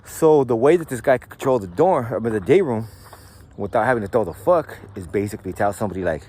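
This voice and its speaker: A man's voice: fairly low pitch, lively intonation, fast, darkish tone, a little hiss or hum. A man hosting a show, speaking in a casual storytelling way that is slangy and profane, with lots of "like" and "right?". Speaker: host.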